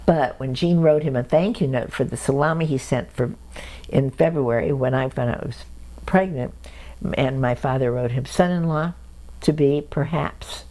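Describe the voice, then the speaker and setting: Poor audio captures an older Cleveland, Ohio woman with an extremely low-pitched voice, speaking at a moderate pace. She is a lively storyteller in an oral history interview, sharing family anecdotes and chuckling often.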